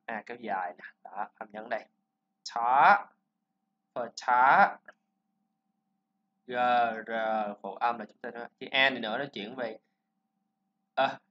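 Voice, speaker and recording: Man drilling pronunciation, dull recording. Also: medium pitch. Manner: repeats sounds slowly and drills words. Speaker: English pronunciation teacher. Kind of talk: classroom-style pronunciation lesson.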